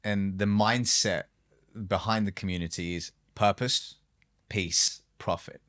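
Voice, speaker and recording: A man talking as a podcast guest in a studio, earnest and emphatic, slowing down as he reflects. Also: on the low side, steady tone, fairly bright tone. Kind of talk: reflective interview conversation.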